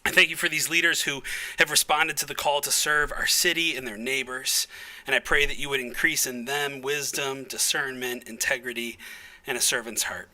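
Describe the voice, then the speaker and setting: A male pastor delivers a formal prayer in a public meeting. His medium-pitched voice is strikingly bright and forceful, and he sets out each phrase deliberately, pausing between them. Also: steady tone, rough recording. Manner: measured, deliberate phrasing with pauses.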